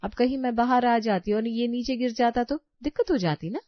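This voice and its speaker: A woman voicing a sly, lazy young wife who whines and pleads in a high voice for a cartoon. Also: a little fast, highs cut off, close to an everyday voice. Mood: whiny scheming. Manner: whiny, high-pitched pleading.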